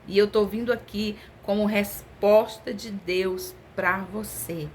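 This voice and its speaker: A woman's voice: mid-range voice, steady tone, slow pace, a little hiss or hum. A woman preaching a sermon in a conversational, intimate way, stretching her phrases for emphasis.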